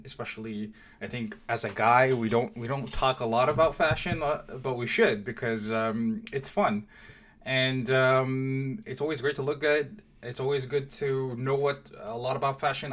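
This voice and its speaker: A young Mauritian vlogger gives a casual, hesitant channel introduction straight to camera, packed with fillers and restarts. His voice is medium-pitched and a bit bright.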